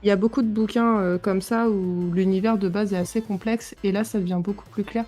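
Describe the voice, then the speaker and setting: A woman's voice: medium pitch, steady tone, brisk, a little mellow, soft background music. A woman guest chatting enthusiastically on a video call. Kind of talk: casual video-call chat.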